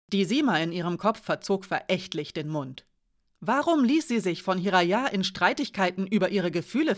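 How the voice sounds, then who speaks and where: Woman narrating an audiobook, lowish voice, measured and expressive. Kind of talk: scripted novel narration.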